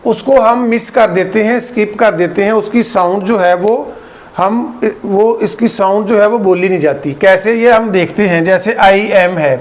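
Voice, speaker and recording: A man gives a grammar lesson in a fairly high voice. He talks slowly and deliberately, spelling out letters one at a time and pausing to check that his students keep up. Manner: deliberate, spells out letters, repeats "theek hai" to check understanding. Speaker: English teacher.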